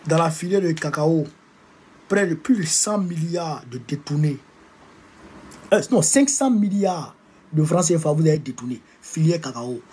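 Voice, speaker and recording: A man with an Ivorian French accent delivers a political rant, hurling insults and repeating his taunts. His voice is very husky and raspy, with a mellow tone sitting a little high for a man. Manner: combative, insulting, repetitive. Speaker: political activist.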